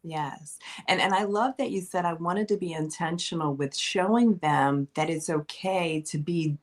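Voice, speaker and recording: A woman hosting a podcast interview, warmly affirming her guest with frequent murmurs of agreement. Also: on the low side, unhurried. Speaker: podcast host. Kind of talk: conversational interview.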